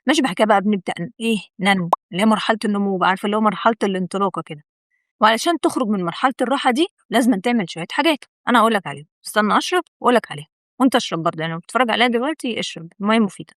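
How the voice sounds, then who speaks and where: A woman's voice: mid-range voice, expressive, racing, fairly bright tone, no echo, studio quality. A young woman with an Egyptian Arabic accent, hosting her own video and giving a chatty, encouraging motivational talk straight to the viewer, repeating words for emphasis. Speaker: video host.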